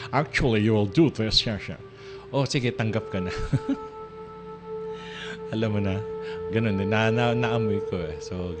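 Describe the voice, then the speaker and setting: In a radio studio, a male talk show host delivers a casual on-air monologue in a slightly low voice. He rambles conversationally, often restarting sentences and laughing softly, while music plays clearly beneath him the whole time.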